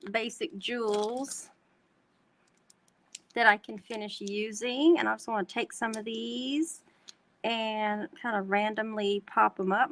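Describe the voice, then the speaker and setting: A woman's voice: medium pitch, a bit bright. A woman from North Texas with a Texan twang, hosting a chatty live craft tutorial and talking to her viewers as y'all. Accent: Texan Southern twang. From North Texas, USA. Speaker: host demonstrating card making.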